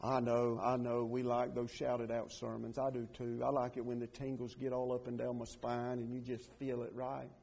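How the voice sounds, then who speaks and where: A middle-aged man preaching a sermon, swinging between loud emphatic declarations and quiet earnest appeals. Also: medium pitch, monotone, normal speed, gravelly, hardly any pauses, husky.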